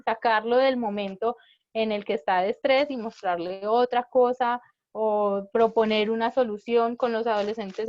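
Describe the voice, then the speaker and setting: A woman's voice: mid-range voice, a little mellow, no room sound, muffled recording. A woman giving a live parenting talk, explaining step by step and often checking in with her listeners. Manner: explanatory, checks in with frequent rhetorical "¿sí?". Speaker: parenting workshop speaker.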